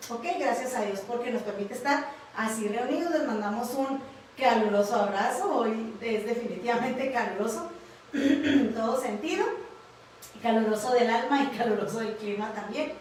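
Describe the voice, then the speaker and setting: Mexican woman, Bible class teacher, slightly high voice, tag questions throughout; distant mic in a very echoey room with faint noise. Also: normal speed, a little mellow. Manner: frequent tag questions and fillers.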